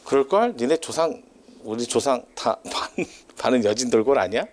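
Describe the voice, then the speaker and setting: A man's voice: medium pitch, animated, normal speed. A man giving a casual classroom lecture, chatty and teasing, drifting into tangents and laughing often.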